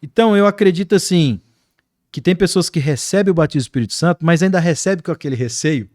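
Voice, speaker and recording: Animated Brazilian pastor, higher voice. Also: male voice, fast talker, no room sound, studio quality. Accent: Brazilian Portuguese. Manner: animated, acts out quoted voices. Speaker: guest pastor. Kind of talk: podcast conversation, preaching-like.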